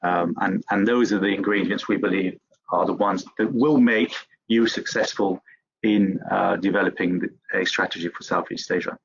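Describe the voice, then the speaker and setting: A man giving a business presentation to an industry webinar audience, halting often with fillers and restarts. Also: sits low, fairly even intonation, gravelly, lo-fi sound.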